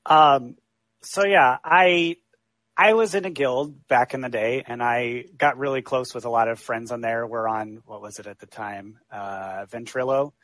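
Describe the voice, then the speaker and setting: A man's voice: mid-range voice, fairly even intonation, unhurried, fairly bright tone, no echo. A man from Iowa calling in to a podcast, talking casually with fillers. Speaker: caller. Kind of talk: phone-in conversation.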